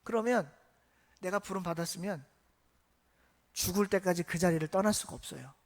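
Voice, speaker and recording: Guy preaching a sunday sermon, keeps quizzing the church, goes loud then drops to a near whisper. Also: high voice, normal speed. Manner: lively, asks the congregation questions; swings between loud emphasis and soft, hushed remarks. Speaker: pastor. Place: church sanctuary.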